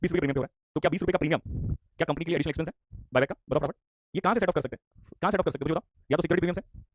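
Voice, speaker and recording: A hoarse male teacher giving an online lecture, scolding and quizzing his students and repeating himself. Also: on the high side, racing, slight background noise. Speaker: commerce teacher.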